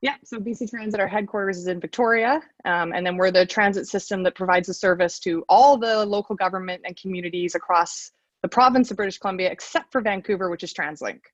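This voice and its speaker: A woman executive being interviewed from her home over a computer call, speaking in a measured, plain-spoken way. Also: medium pitch, no echo, highs cut off. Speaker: transit agency CEO guest. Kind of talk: remote interview.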